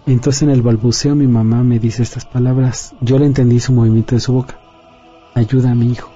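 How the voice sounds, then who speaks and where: A man tells his testimony in an earnest, confiding way. His voice is very dark and husky. The audio is dull and lo-fi, with faint music underneath. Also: medium pitch, flat delivery, brisk. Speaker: interview guest. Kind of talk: emotional personal testimony.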